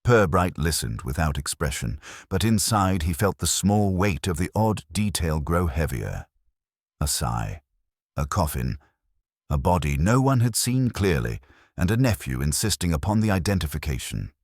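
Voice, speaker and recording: Close-miked and dry, the recording captures an extremely deep male voice telling a mystery tale from a script. He reads in a measured, literary way while his pitch rises and falls vividly.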